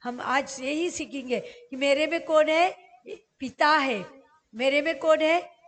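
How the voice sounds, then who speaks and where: A woman's voice: sits high, slow, fairly bright tone. A woman preaching a sermon to a congregation, emphatic, often repeating questions and answering them herself. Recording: long hall reverb.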